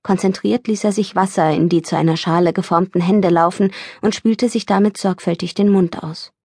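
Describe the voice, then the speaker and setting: A woman reading an audiobook in steady, measured scripted narration, recorded close in a studio. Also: lowish voice, husky, no echo. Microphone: studio microphone, close.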